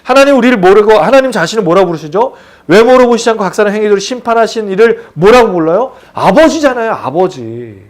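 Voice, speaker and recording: A male pastor delivers a sermon in an animated way. His voice is high and moves widely in pitch. He keeps putting rhetorical questions to the congregation. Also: fast talker.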